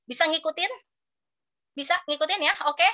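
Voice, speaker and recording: A woman in her thirties preaching to young people in a lively, chatty way. Her voice sits high and sounds bright and forceful. She keeps asking the room questions to draw them in. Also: moderate pace. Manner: animated and chatty, asks the audience questions. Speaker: youth preacher. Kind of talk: lively youth sermon.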